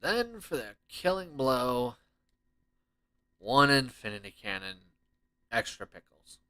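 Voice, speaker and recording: A man's voice: medium pitch, very animated, takes it slowly, bright, forceful tone, clear, resonant tone, no echo. A man giving casual gameplay commentary, muttering to himself and grumbling with some profanity. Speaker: gamer playing and commenting on a game.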